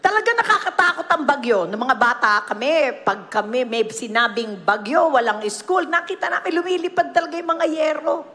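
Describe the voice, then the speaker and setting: A Filipino woman pastor preaching a sermon, mixing Tagalog and English and telling the story with lively questions to the congregation. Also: sits high, normal speed, hardly any pauses, in a large hall. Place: church.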